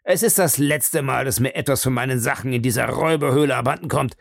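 Man putting on an enraged country squire, West Country burr, raised voice, rapid-fire ranting, gravelly edge. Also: medium pitch, dry recording, clean studio sound. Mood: furious. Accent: broad West Country dialect (as told). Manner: furious, fast, shouting complaints. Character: angry blustering middle-aged country gentleman.

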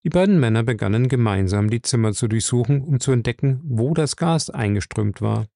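A man narrating a crime novel in a steady, measured reading voice. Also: medium pitch, vocal fry, no room sound, clean studio sound. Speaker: audiobook narrator.

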